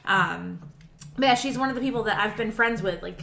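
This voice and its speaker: A woman's voice: on the high side, fairly quick, vocal fry, a bit bright, slight background noise. A woman in her forties from New England, chatting casually and rambling through a story with lots of fillers. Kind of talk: casual chat. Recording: echoey room.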